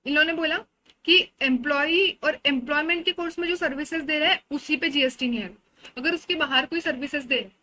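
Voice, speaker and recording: A woman's voice: sits high, fairly quick, pushed and bright, low-quality recording. A woman with an Indian accent giving an exam-oriented lecture, explaining in a conversational way with everyday examples. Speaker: teacher.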